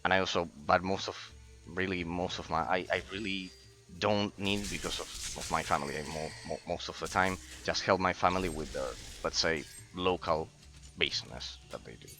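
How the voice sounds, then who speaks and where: A man in his late twenties, a native Spanish speaker, chats casually with stream viewers while gaming, frequently stumbling and repeating words as he begins sentences. His voice is low with a sharp tone at normal speed, over soft background music.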